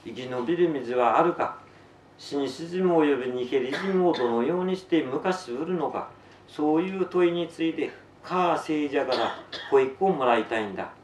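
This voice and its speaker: A man reading his own fiction aloud in Tsugaru dialect to an audience, in an unhurried, measured storytelling manner. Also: fairly high pitch, slight background noise. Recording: roomy, distant mic, faint ambience.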